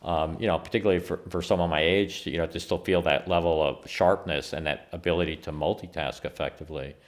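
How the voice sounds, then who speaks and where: A middle-aged man with a low, deep voice answers interview questions as a scientist guest. He talks in a measured, explanatory way and often restarts his phrases. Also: steady tone. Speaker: guest scientist and company founder.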